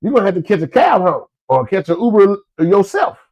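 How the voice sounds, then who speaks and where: A Florida man, congested with a cold, offers folksy business advice to his listeners in a casual, repetitive motivational talk. His voice is high with big pitch swings and a slightly fast pace, and the recording sounds muffled.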